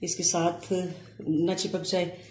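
A woman explaining a home cooking recipe step by step, pausing often as she works in a kitchen. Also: fairly low pitch, faint music behind. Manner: calm step-by-step explaining with frequent hesitations. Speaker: cooking channel host. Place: home kitchen counter, indoors. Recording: echoey room with faint ambient noise.

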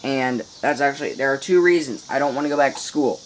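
A man's voice: medium pitch, fast talker, slight background noise, low-quality recording. A teenage boy vlogging casually from his upstairs room at home, rambling to viewers with playful mock outrage. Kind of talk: casual video diary. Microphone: microphone in a home room. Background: faint insects chirping.

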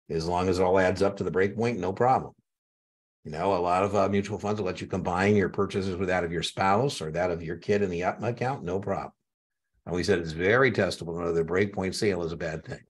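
Husky low-voiced male tutor. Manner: chatty, repeats key points, tells anecdotes. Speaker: exam tutor. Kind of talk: one-on-one tutoring session.

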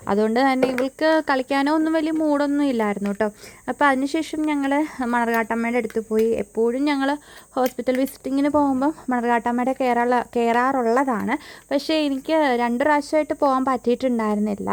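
A pregnant young woman narrating her day in a chatty vlog voice-over, full of fillers and asides. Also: on the high side. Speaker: vlogger.

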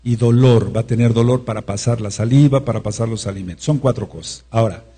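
A man's voice: mid-range voice, fast talker, mellow, breathy edge. A man with a Mexican accent teaching a sermon, repeating key words and asking his listeners questions. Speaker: preacher.

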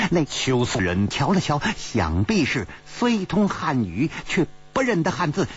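A husky male storyteller with a lively, swooping delivery. His narration is vivid and expressive, on a dull lo-fi recording with a low mains hum.

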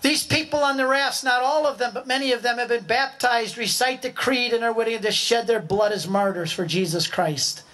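Animated older man telling a story. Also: very high voice, normal speed, hardly any pauses. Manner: animated, acts out voices. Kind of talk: storytelling talk.

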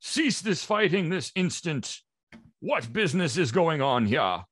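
A man's voice: on the high side, big pitch swings, a little slow, fairly bright tone, breathy edge, dry recording, studio quality, pitched above the performer's own voice, full character voice. A man voicing a stern guard sergeant who barks orders in a raised voice. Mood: commanding. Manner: barking orders.

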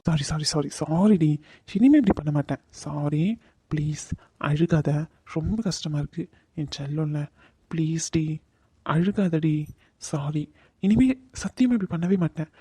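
Woman voicing a soft, husky young husband. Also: low voice, animated, moderate pace. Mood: pleading. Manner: coaxing, apologetic, soft. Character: young husband, affectionate and pleading. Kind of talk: cartoon drama voice acting.

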